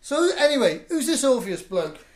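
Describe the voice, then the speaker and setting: A woman plays a vain, flirtatious man in a radio comedy, somewhat high-voiced. He blusters and dodges awkward questions. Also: big pitch swings, moderate pace, a little mellow. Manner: blustering, evasive. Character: vain, flirtatious British man, amateur actor.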